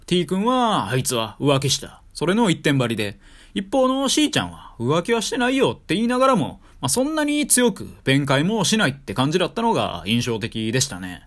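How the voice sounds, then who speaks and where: A young man in his twenties with a Kansai accent, telling a story in a wry, joking way on his stream. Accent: Kansai Japanese. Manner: wry, joking, animated delivery with big pitch swings. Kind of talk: casual storytelling monologue.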